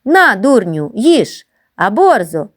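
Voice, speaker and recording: In a storybook reading, a woman with a mid-range voice voices a gang of mischievous schoolboys who mock, tease, and boss around a newcomer. She speaks slowly, with big pitch swings, in taunting, bossy shouts.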